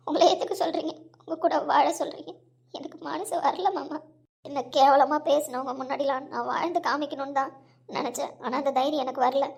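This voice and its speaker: A wounded young bride pleads with emotion in an audio drama, voiced by a woman. Her voice is high and quick, with a gravelly edge.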